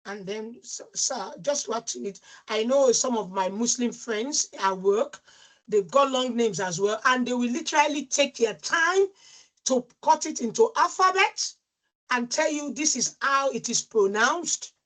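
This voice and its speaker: A woman hosts an online talk over a video call in a high voice. She affirms her co-host and keeps the session moving from one question to the next. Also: lively intonation, unhurried, fairly bright tone. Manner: affirming, directive, moves the session along. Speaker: host and facilitator.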